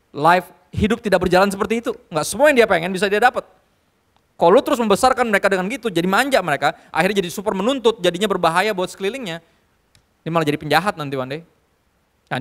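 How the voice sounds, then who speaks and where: High-voiced preacher man. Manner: lively, switching into English, joking with the crowd. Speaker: youth pastor. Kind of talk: sermon. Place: church hall with a live audience.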